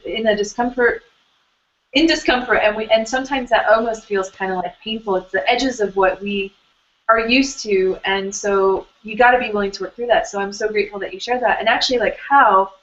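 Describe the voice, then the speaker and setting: A woman's voice: medium pitch, brisk, fairly bright tone. A woman hosts an online hangout in an easy, conversational way, circling back through fillers and restarts as she talks. Her voice sits in a middle range. The sound is dull and lo-fi, like audio from a web call. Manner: chatty, rambling with many fillers and restarts. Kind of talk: casual conversational interview.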